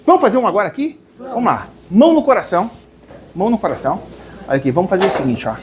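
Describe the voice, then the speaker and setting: Animated man lecturing a crowd. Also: high-pitched, rapid-fire, background noise. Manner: animated, questions the audience, calls them dear ones. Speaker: spiritual lecturer. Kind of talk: live lecture to an audience.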